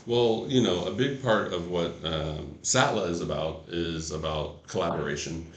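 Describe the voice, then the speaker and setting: Very deep-voiced man interviewing. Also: measured pace. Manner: friendly, encouraging, many fillers. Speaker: interviewer for a lawyers' association. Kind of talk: casual interview. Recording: echoey room.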